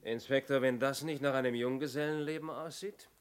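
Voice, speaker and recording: In a noisy old 1970s radio play recording, an actor plays an inspector's observant male assistant, speculating in a dry, wry manner. His medium-pitched voice is steady, brisk, and close to an everyday voice.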